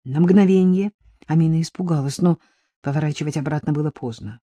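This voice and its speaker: A woman narrating an audiobook in a calm, measured way. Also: low-pitched, dry recording. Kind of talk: scripted narration.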